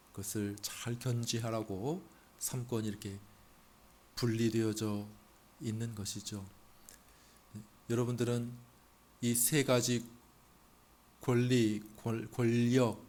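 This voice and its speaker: A male pastor preaching to his congregation in an easy, talking manner, putting rhetorical questions to them and climbing to loud, forceful stretches. His voice sits at an ordinary middle pitch. A faint hiss of noise runs under the recording. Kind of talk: sermon.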